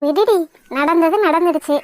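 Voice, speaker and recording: A woman voicing a kind young pregnant village wife in a cartoon, soothing and gently scolding. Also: very high voice, moderate pace, no echo. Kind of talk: cartoon voice acting.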